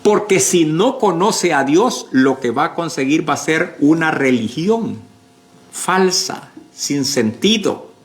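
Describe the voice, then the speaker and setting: A male pastor preaching a sermon slowly and emphatically, with many fillers and repeated words. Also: a little high, animated.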